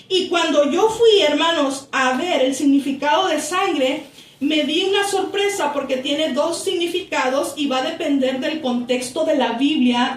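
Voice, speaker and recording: Slow, high-voiced woman preaching in an echoey church. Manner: slow, deliberate reading that stretches key words, with asides to the congregation. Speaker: pastor. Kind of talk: sermon, reading and explaining scripture. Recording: echoey church room, voice from a distance.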